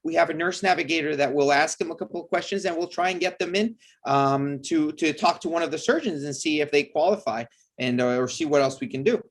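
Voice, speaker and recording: A man's voice: fairly high pitch, brisk. A man from El Salvador whose first language is Spanish, a surgeon answering interview questions earnestly and enthusiastically, with frequent restarts. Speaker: bariatric surgeon guest.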